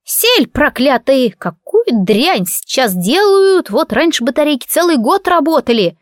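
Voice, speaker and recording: A creaky, loud old woman of ninety, put on by a woman reader in an audiobook. She speaks high and slow, drawing out her grumbles. The recording is dry and close. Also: very animated, no room sound. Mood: grumbling. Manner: drawn-out, scolding. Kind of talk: audiobook character voice.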